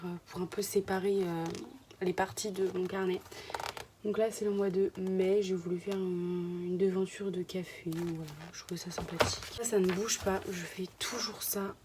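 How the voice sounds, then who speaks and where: A woman's voice: mid-range voice, noisy background. A young woman from France chatting casually to her phone camera in a vlog, rambling and sometimes dropping to a whisper. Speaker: vlogger.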